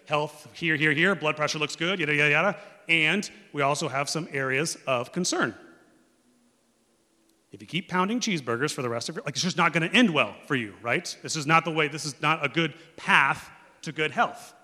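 Man doing a chatty frank doctor, upbeat, bright voice, reverb in the room. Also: a little high, moderate pace, voice pushed up. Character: frank upbeat male doctor giving a checkup.

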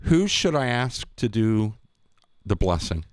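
A man's voice: lowish voice, big pitch swings, a little slow, dry recording, studio quality. A man hosting a radio show, moving between conversational remarks and announcements.

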